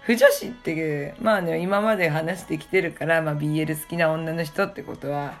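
A woman's voice: sits low, fairly even intonation, fairly quick, faint music behind. A woman hosting a casual comedy podcast as the lecturer, laughing often and complaining playfully. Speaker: podcast host playing lecturer.

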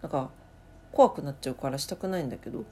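A woman hosts her own late-night talk show from home, rambling and thinking aloud with plenty of pauses. Her voice sits low yet rises and falls a great deal, with a mellow, dark tone. Faint noise runs underneath. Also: lively intonation. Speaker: podcast host. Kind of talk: casual late-night solo chat.

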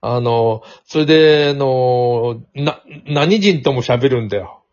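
This podcast host speaks slowly in a medium-pitched, darkish voice, rambling and chatting with frequent laughter. He blends Kansai speech with standard speech, captured in a dull lo-fi recording.

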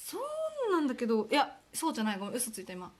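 Fast-talking young Japanese woman chatting. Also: on the high side, lively intonation. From Aomori, Japan. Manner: chatty, self-deprecating, quick storytelling. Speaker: podcast co-host. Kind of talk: casual chat between sisters.

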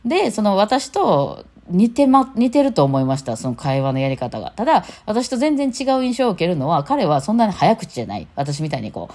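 A woman with a Kansai accent hosting a solo talk show, chatting casually in a rapid-fire stream full of fillers. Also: on the low side, very animated, warm tone. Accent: Kansai Japanese.

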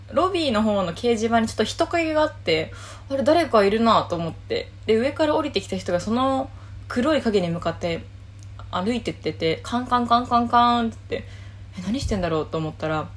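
Woman rambling through a funny family story on her solo talk show, acts out the bits, easygoing. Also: a little high. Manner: lively, acts out quoted lines and laughs while telling a story. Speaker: solo audio talk host. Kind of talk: casual monologue storytelling.

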